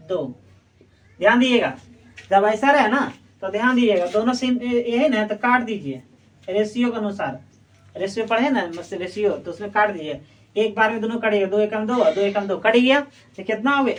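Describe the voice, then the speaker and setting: Woman teacher quizzing her class. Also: a little high. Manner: quizzes students with repeated questions and answers them herself. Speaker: chemistry teacher. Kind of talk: classroom explanation. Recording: voice distant from the mic.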